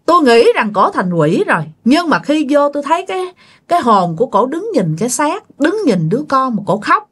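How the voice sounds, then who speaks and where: A woman's voice: sits high, very animated, brisk, breathy edge, heavily acted. A woman voicing a stern older male exorcist scolding a family for their cruelty.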